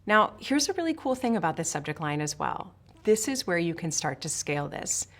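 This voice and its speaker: A woman's voice: on the low side, big pitch swings, fairly quick. A woman from Switzerland narrating a sales course in an upbeat, emphatic coaching manner, speaking straight to the viewer. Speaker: sales instructor.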